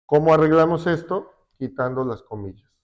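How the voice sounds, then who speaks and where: A man teaching a class, slowly explaining a spreadsheet step by step with fillers. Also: a little high. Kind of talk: classroom software lesson. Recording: dull lo-fi recording.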